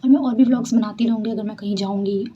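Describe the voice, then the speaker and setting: A young woman vlogger from Delhi, telling a personal story to camera in a chatty, animated way at home at night. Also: mid-range voice, rapid-fire, a little hiss or hum. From Delhi, India. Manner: chatty, animated, often says "theek hai". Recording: dull lo-fi home recording.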